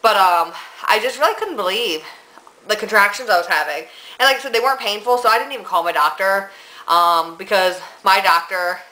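Bright-voiced pregnant woman, stuffy nose. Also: mid-range voice, fairly quick, poor audio. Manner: chatty, rambling, many ums and likes. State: out of breath. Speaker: vlogger. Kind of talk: casual pregnancy vlog.

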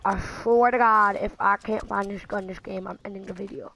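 A woman giving excitable, rambling gameplay commentary, full of fillers and restarts, dropping to mutters and jumping to shrieks. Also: brisk, creaky, rough recording. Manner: excitable, swings from low muttering to sudden shrieks. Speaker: gaming channel host.

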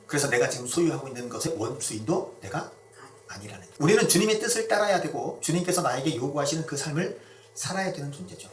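A male pastor preaches in a relaxed, conversational way, telling stories and acting out the people in them. His pitch sits somewhat high and swings widely, rising and falling as he makes his points. The voice carries the echo of a church hall, picked up from a distance. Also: quick pace, a little hiss or hum. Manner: conversational storytelling preaching with acted-out quotes. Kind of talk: sermon. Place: church sanctuary.

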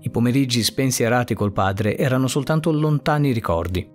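A man narrating a scripted story in a dramatic, expressive way. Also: medium pitch, fairly quick, faint music behind.

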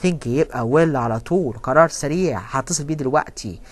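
A man with an Egyptian Arabic accent teaching an English grammar lesson. He reads the English sentences slowly and then explains them quickly in Arabic. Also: medium pitch, slightly rough.

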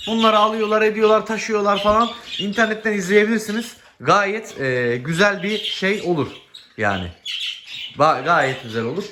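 A man's voice: high-pitched, normal speed, background noise. Chatty man, voice echoing around him. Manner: chatty, addresses viewers as friends. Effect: voice echoing in a half-empty room. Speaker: bird breeder. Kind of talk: casual vlog talk to viewers. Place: indoor bird breeding room under renovation.

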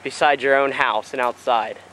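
An excitable teenage boy talks fast into a handheld camera as he wanders around. His voice is middling in pitch, and he bursts out in quick exclamations. Clear background noise from the camera runs underneath. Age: teens. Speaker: vlogger. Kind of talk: casual vlog chat. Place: outdoor parking lot and big toy store. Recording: noisy handheld camera audio.

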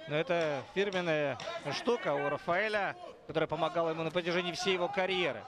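A man's voice: on the high side, fast. A man giving live play-by-play commentary on a mixed martial arts fight. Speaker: sports commentator. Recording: loud arena crowd behind commentary. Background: crowd noise.

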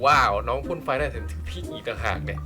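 A man giving excitable, crude let's-play commentary as a gaming video host. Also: medium pitch, fast. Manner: excitable, crude, bursts into loud exclamations. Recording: game music behind the voice.

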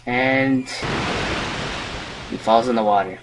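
Casual joking let's play commentator. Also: male voice, mid-range voice, slow pace, noisy background. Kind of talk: gameplay commentary.

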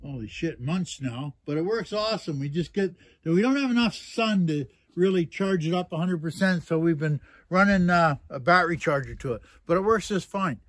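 A man's voice: on the high side, animated, moderate pace, hardly any pauses, a bit bright, dry recording. A Canadian man vlogging in a rambling, joking way, casually swearing as he talks through a project. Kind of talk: casual chat.

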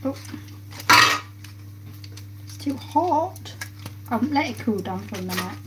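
A woman's voice: high voice, expressive, slow pace. A woman, chatting casually to her live viewers while she cooks in her home kitchen. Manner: chatty, talks to viewers while busy at the stove. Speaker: cooking livestream host. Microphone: phone camera close by on the counter. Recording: kitchen noise, pans sizzling behind.

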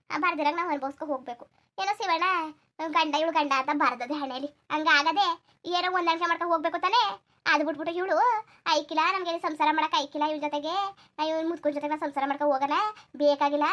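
A woman doing a shrill, nagging cartoon mother-in-law. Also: a bit bright. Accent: rural Karnataka Kannada. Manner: complaining, nagging. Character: nagging older village mother-in-law, grumbling. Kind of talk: cartoon voice acting.

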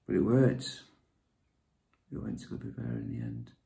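An actor playing a withdrawn man raised by his grandmother, talking in a halting, confiding way that often drops to a whisper. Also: a bass voice, big pitch swings, gravelly, warm tone, full character voice. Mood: confessional. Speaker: actor performing a monologue. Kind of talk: dramatic monologue. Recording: echoey room.

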